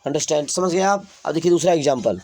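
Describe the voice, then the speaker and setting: A male teacher giving a grammar lesson in Hindi, dictating example sentences slowly. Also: a little high, lively intonation, a little mellow. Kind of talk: classroom lesson.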